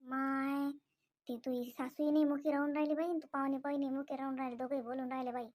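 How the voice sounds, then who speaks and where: A woman voicing a timid elderly man who is a guest in the house in an animated comedy, muttering worriedly under his breath. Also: high voice, fast talker, voice pushed down, lightly acted. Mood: hushed fretting.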